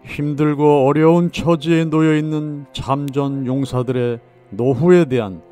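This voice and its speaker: A man narrating a scripted history documentary in a measured, solemn way. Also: on the high side, fairly even intonation, mellow. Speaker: channel narrator. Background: faint background music.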